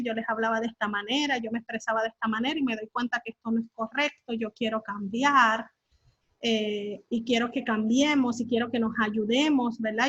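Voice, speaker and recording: Earnest high-voiced woman on a call. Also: a bit bright, no echo, highs cut off. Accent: Latin American Spanish. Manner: earnest, with many fillers and tag questions. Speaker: workshop speaker.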